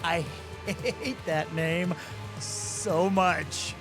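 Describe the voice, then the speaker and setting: Speaking very slowly in a high voice, a Missouri man in his forties chats loosely on a live stream with music playing behind him. He's goofy and self-mocking, joking about himself, stumbling, and restarting his sentences.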